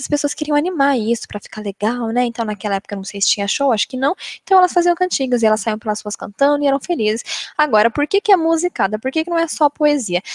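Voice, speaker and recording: A woman's voice: on the high side, no echo, clean studio sound. A woman with a Brazilian Portuguese accent giving a casual literature lesson, often checking in with her listeners. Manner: chatty, keeps checking in with "né?" and "tá bom?". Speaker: literature teacher. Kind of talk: casual classroom-style lesson.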